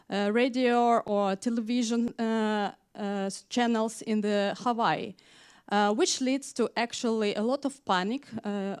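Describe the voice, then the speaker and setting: A woman from Ukraine, in her thirties, delivers a conference talk on a stage mic. Her voice sits a little high, and her is full of hesitant fillers. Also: a little mellow, clean tone. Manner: hesitant, frequent "uh" fillers, non-native grammar. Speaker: conference speaker, tech manager. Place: conference hall.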